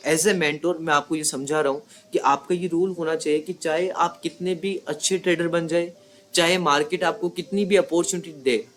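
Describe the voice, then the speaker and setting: A man teaching as a trading mentor, talking in a conversational way and often checking in with his listeners. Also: fairly high pitch. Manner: conversational, repeats points with rhetorical checks. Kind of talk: explanatory lesson.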